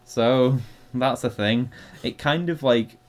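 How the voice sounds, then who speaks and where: A man's voice: medium pitch, slow. A man co-hosting a wrestling podcast, chatting casually, laughing often and swearing freely. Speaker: podcast co-host reviewing wrestling. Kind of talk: casual chat.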